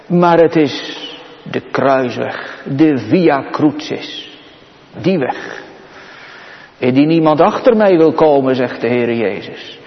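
A male pastor preaching a sermon in a slow, solemn way, lifting his voice sharply on questions. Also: fairly high pitch. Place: church. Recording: muffled, with long church reverb.

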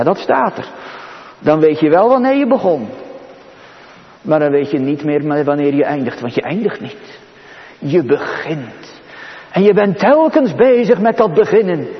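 A man preaching a sermon to his congregation, solemn, rising to exclamations and dropping to hushed pleading. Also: a little high. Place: church. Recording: dull recording with long church reverb.

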